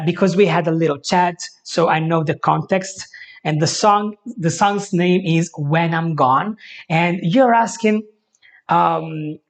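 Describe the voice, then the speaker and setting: A man with a slightly high voice, a native Italian speaker, hosts a live English lesson in Italian-accented English. He warmly greets viewers by name and often repeats his phrases.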